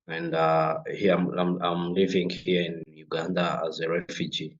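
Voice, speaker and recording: Young congolese guy, really low voice, lots of uhs and restarts, muffled audio. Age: young adult. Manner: halting, many fillers and restarts. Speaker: guest, refugee-led organization founder. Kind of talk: interview conversation.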